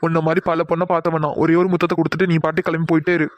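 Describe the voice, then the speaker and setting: A man voicing a fast-talking sneering college bully. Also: fairly high pitch, little pitch movement, no echo, natural voice. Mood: taunting. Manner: taunting, coaxing, then whiny and begging. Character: young male college bully, sneering then pleading. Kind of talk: cartoon drama voice acting.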